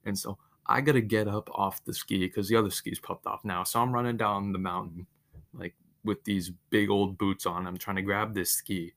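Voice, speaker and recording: A young man hosting a podcast on his own, telling a story in a monotone, casual way with faint guitar music behind. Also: lowish voice, moderate pace. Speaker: podcast host.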